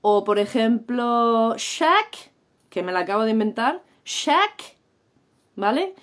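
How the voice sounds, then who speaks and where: A woman's voice: fairly high pitch, moderate pace. A middle-aged woman from Spain with a Spain Spanish accent, teaching English on a livestream in a playful, theatrical way and acting out the sounds. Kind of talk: live-streamed language lesson.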